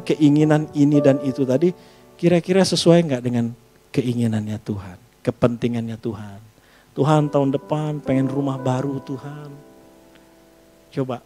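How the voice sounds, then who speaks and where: Guy preaching in church, kinda high voice, keeps asking for amens, cracks jokes, faint keyboard music behind. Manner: lively preaching, often asking the congregation for an amen; mixes humor and casual asides into the sermon. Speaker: pastor. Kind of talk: sermon.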